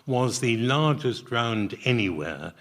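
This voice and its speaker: Deadpan male panellist, terse, dry wit. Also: medium pitch, takes it slowly. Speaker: comedy panellist. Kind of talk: witty panel game talk.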